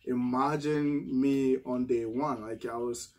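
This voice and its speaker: Speaking slowly with a mid-range, a little mellow voice and fairly even intonation, a middle-aged vlogger from Ghana offers casual advice to the camera. His Ghanaian-accented talk is conversational, with repeated words, frequent restarts and "right?" tagged onto sentences.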